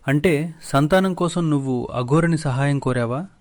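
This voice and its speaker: Storybook sage: a kindly old holy man, slow and advising, read by a man. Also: fairly high pitch, close to an everyday voice.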